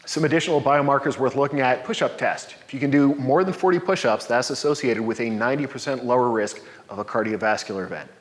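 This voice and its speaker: A man's voice: medium pitch, quick pace, hardly any pauses. A man in his forties giving an upbeat slide talk at a podium, explaining and mixing in personal examples. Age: 40s. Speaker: presenter. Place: dark lecture hall, standing at a podium. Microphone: podium mic from a distance. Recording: reverberant hall, voice from afar.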